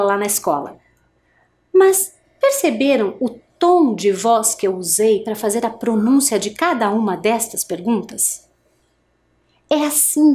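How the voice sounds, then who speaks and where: Professora com entonação bem expressiva. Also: female voice, on the high side. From Brazil. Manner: slow, expressive, exaggerated question intonation, addresses students directly. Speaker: teacher. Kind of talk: adult education video lesson.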